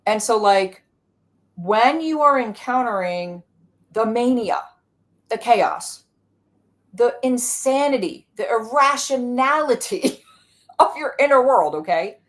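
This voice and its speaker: A woman's voice: a little high, animated, slow. A woman guest explaining inner-healing ideas in casual conversation, peppering her talk with "like" and "right?". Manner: casual, many "like" and "right?" checks.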